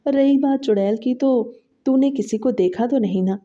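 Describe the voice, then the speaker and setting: A woman's voice: sits high, warm tone, voice pushed up, lightly acted. A woman voicing an offhand man who shrugs off worries, in a dull lo-fi recording. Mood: dismissive. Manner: dismissive, shrugging. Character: offhand man, a casual neighbour.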